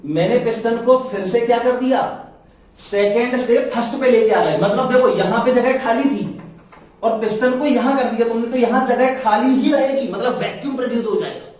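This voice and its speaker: A man's voice: very high voice, moderate pace, darkish tone. A male physics teacher lecturing in a strongly echoing room, his voice picked up from a distance. He talks in a chatty classroom way and keeps asking the class whether they follow. He repeats key terms so the students say them back. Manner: keeps asking the class rhetorical check questions. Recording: very echoey room, voice far from mic.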